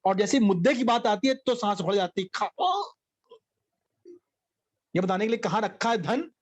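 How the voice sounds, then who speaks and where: A man's voice: high-pitched, fast. A middle-aged man preaching a Bible study sermon, telling stories in Hindi and slipping into English phrases.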